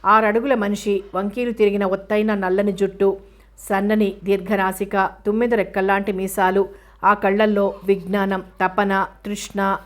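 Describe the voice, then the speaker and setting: Even-toned woman reading a novel aloud. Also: mid-range voice. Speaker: narrator.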